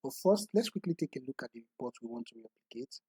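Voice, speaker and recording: Guy doing a screen tutorial, slightly husky voice, dry close sound, explains every click. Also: sits high, very animated, fast talker, warm tone, dry recording, low-quality recording. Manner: methodical, talks through each step. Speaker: tutorial instructor. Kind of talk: screen-recorded software tutorial.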